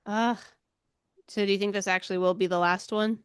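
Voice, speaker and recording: A woman's voice: mid-range voice, steady tone, fairly quick, clear, resonant tone, no room sound, clean studio sound. A woman co-hosting a book podcast, chatting casually with a slight lisp and laughing often. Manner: giggly, exclamatory, laughs often. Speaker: podcast co-host.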